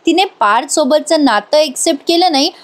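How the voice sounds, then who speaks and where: A woman's voice: sits high, animated, a little fast. A woman reviewing a TV serial in a voice-over, retelling scenes and chatting directly to viewers.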